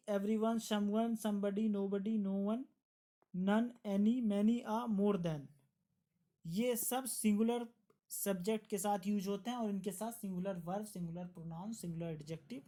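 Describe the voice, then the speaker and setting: A woman with an Indian accent teaching an online grammar lesson for exam students. Her voice is mellow and warm, and her pitch sits in a middle range. She explains each rule patiently and repeats the key examples. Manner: explains step by step, repeats key words, mixes English terms into Hindi.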